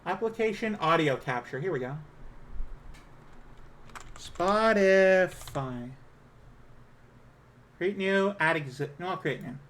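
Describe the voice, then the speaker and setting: A woman with a low-set feminine voice chatting casually on a livestream, hesitant, apologetic and self-conscious in her manner. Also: expressive, fairly quick, hardly any pauses, a bit bright. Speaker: live streamer.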